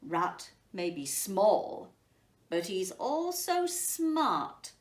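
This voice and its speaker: A woman's voice: medium pitch, sing-song, drawn-out words. A woman voicing a grand, jovial, kindly male emperor who makes proclamations in a children's storybook. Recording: roomy echo, distant mic.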